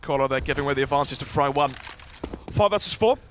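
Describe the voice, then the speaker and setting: A man giving live esports caster commentary, running through each round in a brisk, clipped analytical way. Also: mid-range voice, fairly bright tone. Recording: faint game noise behind voice.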